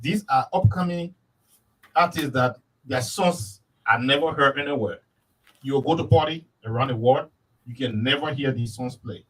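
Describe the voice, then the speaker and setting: A man's voice: medium pitch, normal speed, fairly bright tone, recorded from a distance, a little hiss or hum, rough recording. A man hosting an interview, earnest and often repeating his words. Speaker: interview host.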